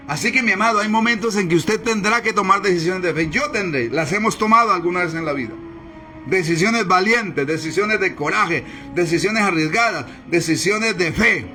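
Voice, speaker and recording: A man's voice: high-pitched, pushed and bright. A man preaching a sermon as pastor, emphatic and repetitive as he drives his points home. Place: church service, streamed live.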